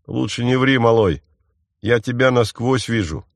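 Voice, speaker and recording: A man's voice: medium pitch, a little slow, dry recording, studio quality, close to an everyday voice. A man reading an audiobook voices a suspicious, blunt young man who accuses bluntly.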